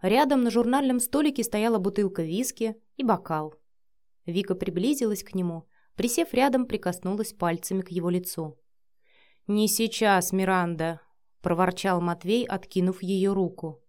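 A woman narrating a story in a steady storybook reading. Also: medium pitch, moderate pace. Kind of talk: scripted narration.

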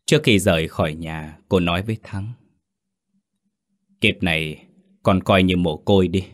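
A man narrating a ghost story in a steady, somber reading. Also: deep voice.

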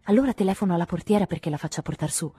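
A woman's voice: fairly low pitch, rapid-fire, dark tone, breathy edge, dry recording. A woman voicing an anxious, clinging woman who talks to her lover in an earnest, pleading way in an audiobook reading.

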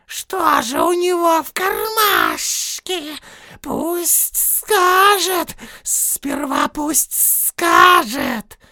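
A man voicing a wretched male creature who shrieks and hisses in a high, strained, drawn-out voice. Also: huge pitch swings, vocal fry, pushed and bright, no room sound, clean studio sound, exaggerated voice. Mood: suspicious. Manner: shrieking and hissing, drawn-out words. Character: wretched creature male, shrill, hissing, whining.

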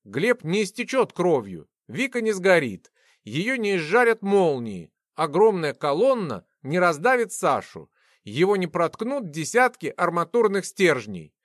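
Man reading a fantasy audiobook, higher voice, super dry close sound. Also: measured pace, no room sound. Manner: expressive storytelling. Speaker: audiobook narrator. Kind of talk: scripted fantasy narration.

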